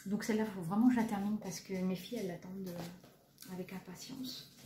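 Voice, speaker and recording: Showing off her cross-stitch work, a woman from France in her thirties chats casually and hesitantly, using plenty of fillers and poking fun at herself. She talks fairly quickly in a warm, mid-range voice. An echoey room and faint background noise come through on the recording.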